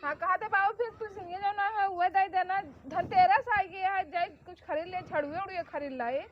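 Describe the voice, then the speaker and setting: A woman's voice: extremely high pitch, normal speed, lo-fi sound, a crowd in the background. A woman with an Awadhi accent playing a daughter-in-law who coaxes her father-in-law for money in a comedy sketch.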